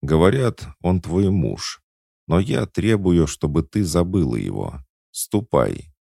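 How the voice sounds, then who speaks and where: A man with a deep, gravelly voice reading the lines of a proud, jealous immortal queen who speaks coldly and commandingly. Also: big pitch swings, takes it slowly, mellow, no room sound, studio quality, heavily acted. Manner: cold, imperious, mocking.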